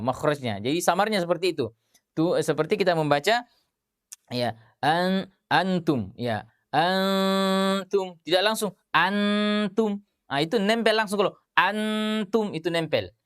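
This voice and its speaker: A man teaching tajwid, explaining rules in plain speech and reciting example words slowly and drawn out, with many fillers. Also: on the high side, no echo, studio quality.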